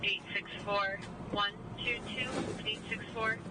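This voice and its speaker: A man's voice: high-pitched, little pitch movement, measured pace. A man working as a police dispatcher, heard over a police radio transmission, reading plate returns and call details in clipped radio codes. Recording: noisy scanner radio feed.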